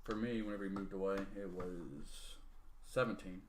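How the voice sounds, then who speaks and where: A man playing a tabletop game, lively and often laughing. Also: deep voice, moderate pace, a little hiss or hum. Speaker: player. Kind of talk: casual tabletop game chat. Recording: roomy recording with people nearby.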